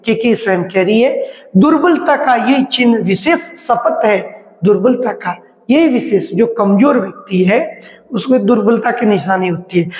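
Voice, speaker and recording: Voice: medium pitch, a little mellow. A college literature lecturer who reads out lines of a poem and then explains them word by word. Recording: echoey reverberant room.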